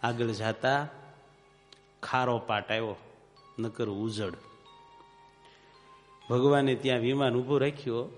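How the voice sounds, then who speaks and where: A man's voice: mid-range voice, steady tone, slow pace, long pauses, in a large hall, faint music behind. A man with a Kathiawadi Gujarati accent, telling a moral story as a preacher in a homely, moralizing way and putting questions to his listeners. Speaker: religious preacher. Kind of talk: storytelling sermon.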